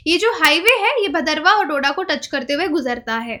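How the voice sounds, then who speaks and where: A woman's voice: high-pitched, expressive, normal speed, sharp tone. A young woman giving an exam-prep video lecture, explaining each point and repeating the key facts, mixing Hindi with English. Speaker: teacher.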